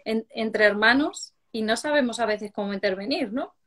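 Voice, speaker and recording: A woman's voice: a little high, moderate pace. Chatty woman host. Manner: chatty, anecdotal, animated storytelling. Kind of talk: casual chat interview. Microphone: video call.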